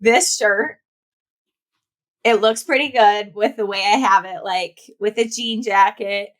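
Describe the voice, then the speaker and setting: A woman's voice: mid-range voice, a little slow, a bit bright. Chatty, playful woman podcast co-host. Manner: chatty, playful, lots of fillers. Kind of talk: casual chat.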